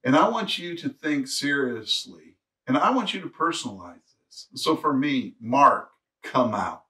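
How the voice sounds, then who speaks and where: A man's voice: on the high side, sing-song, moderate pace, bright, forceful tone, recorded from a distance. Earnest male pastor preaching from afar. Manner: earnest preaching, reads scripture aloud, rises to emphatic peaks. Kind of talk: sermon.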